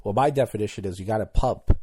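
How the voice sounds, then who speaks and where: A man's voice: lowish voice, quick pace, mellow, breathy edge. A man in his thirties hosting a solo podcast, talking casually and candidly, rambling and tripping over his words as he goes. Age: 30s. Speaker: podcast host.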